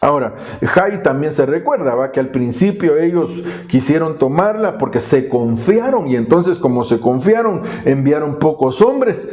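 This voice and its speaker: A man's voice: fairly high pitch, animated, moderate pace, few pauses, a little mellow. A male pastor, preaching an earnest, explanatory sermon with frequent restarts.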